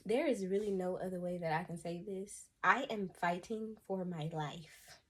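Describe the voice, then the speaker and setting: A young adult woman speaks to camera in a husky, slightly low voice. She delivers a personal testimony in an earnest, heartfelt way, sighing often and addressing her viewers as y'all. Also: moderate pace, fairly bright tone. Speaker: vlogger giving personal testimony.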